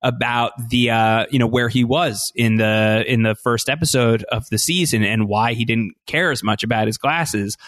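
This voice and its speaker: A man co-hosting a podcast, chatting casually about a TV episode, animated and often restarting his sentences. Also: mid-range voice, moderate pace, hardly any pauses, no echo, clean studio sound. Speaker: podcast co-host. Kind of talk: casual chat recapping a TV episode.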